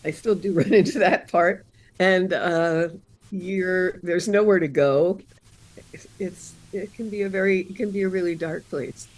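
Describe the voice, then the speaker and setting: An older woman, raised around Philadelphia, talking candidly and reflectively as a guest, often halting mid-thought and laughing easily. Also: lowish voice, rough recording. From born in Arizona, raised in Philadelphia area. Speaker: guest, radio jazz presenter. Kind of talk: candid interview conversation.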